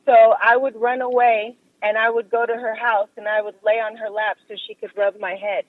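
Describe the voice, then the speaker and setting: Give me a calm, explaining woman calling in on a car speakerphone, thin phone-line sound. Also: fairly high pitch, a little fast, no echo. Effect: speakerphone call from a car. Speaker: guest, massage practitioner. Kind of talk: casual interview chat. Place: driving in a car. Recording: tinny dry phone line.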